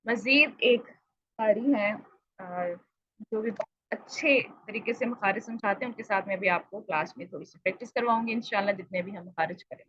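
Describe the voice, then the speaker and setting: A woman's voice: mid-range voice, normal speed, fairly bright tone, no room sound, muffled recording. A woman teacher giving a Quran recitation lesson, explaining patiently and asking questions she answers herself. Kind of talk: online tajweed lesson.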